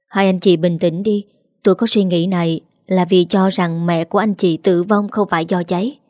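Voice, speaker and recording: A composed young woman doctor, voiced by a woman narrator, speaking in a calm, measured way. The voice is mellow and dry, close to the reader's own. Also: on the low side, no echo, close to an everyday voice.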